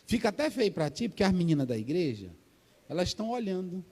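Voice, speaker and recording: A Brazilian pastor preaches with a high, swinging voice that climbs and drops all over. His sermon rings with long reverb through a big church hall. He talks animated, acting out little scenes. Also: quick pace. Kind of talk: Pentecostal sermon.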